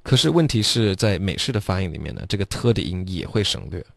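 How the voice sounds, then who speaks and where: A Chinese-American man teaching English on radio, explaining phrases and slowly drawing out words to show pronunciation. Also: low voice, very animated, vocal fry, no room sound. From United States. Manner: slow, drawn-out demonstrations of English phrases. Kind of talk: radio language lesson. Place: radio studio. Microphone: studio microphone.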